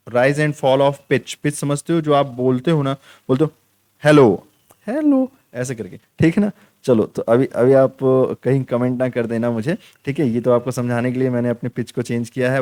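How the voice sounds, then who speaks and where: A young man with a medium-pitched, darkish voice teaches an online exam-prep lesson in studio-quality audio with no echo. He is repetitive, drilling key points with "theek hai" and checking in with his students again and again.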